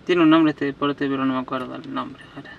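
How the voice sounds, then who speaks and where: A man's voice: medium pitch, fairly even intonation, fast talker, gravelly, distant mic, phone-quality sound. A young man with an Argentine accent, chatting casually as he films a trip to a lake. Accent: Argentine Spanish. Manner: chatty, asks questions, talks to a dog. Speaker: vlogger. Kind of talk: casual travel vlog. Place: outdoors by a lake, then inside a van. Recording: faint outdoor noise.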